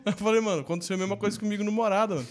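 A man's voice: high voice, rapid-fire, slight background noise. A man hosting a casual podcast who teases and jokes while asking questions. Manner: joking, teasing interviewer.

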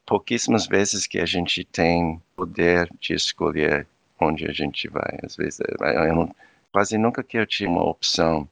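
Guest, 50s man, low gravelly voice, dry sound. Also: unhurried, fairly bright tone, no room sound. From United States. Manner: thoughtful, searching for words. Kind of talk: reflective interview talk.

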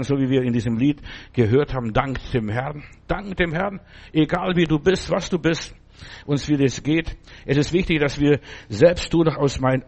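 A man's voice: medium pitch, a little mellow, husky. A man preaching a sermon emphatically, repeating phrases and checking in with "ja?". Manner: emphatic, repetitive preaching with tag questions.

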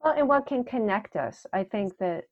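A woman's voice: mid-range voice, animated, normal speed, dull audio. A woman coach as an interview guest, talking in a reflective, earnest way and often asking "right?". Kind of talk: casual interview chat.

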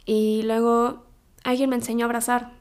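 A woman's voice: on the high side, flat delivery, normal speed. Emotional young Mexican woman confiding. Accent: Mexican Spanish. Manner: emotional, confessional, teary at times. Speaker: podcast host. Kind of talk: intimate personal monologue.

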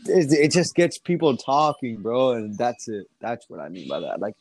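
A man chatting loosely on a podcast in a mid-pitched voice. He rambles, circles back with fillers and restarts, and swears freely. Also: expressive, normal speed, faint music behind. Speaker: guest rapper. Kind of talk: casual podcast chat.

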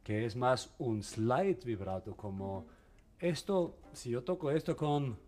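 Guy teaching violin, halting, quizzes the class, faint music behind. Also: mid-range voice, expressive, a little mellow. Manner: halting, mixes in English words, asks the class questions. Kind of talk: masterclass teaching.

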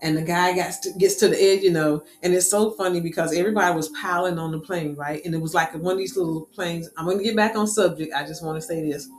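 A woman casually telling a personal story in a lively, animated way, with quick asides. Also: on the low side. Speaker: speaker sharing a personal story. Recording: echoey room with faint music.

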